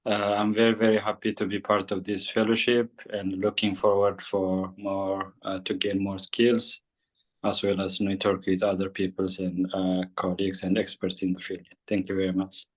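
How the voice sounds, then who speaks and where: Very deep, flat-voiced man. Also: normal speed, rough recording. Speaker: fellowship participant. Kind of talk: self-introduction on a video call. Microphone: video call.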